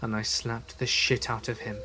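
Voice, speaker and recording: A man reading a first-person scary story aloud in a steady, measured storytelling manner. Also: medium pitch, slightly rough, faint music behind. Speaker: narrator. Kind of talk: scripted horror story narration.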